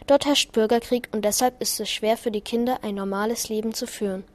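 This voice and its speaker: Woman reading a radio report, higher voice. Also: fairly even intonation, a little fast, darkish tone. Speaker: school radio presenter. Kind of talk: scripted radio narration.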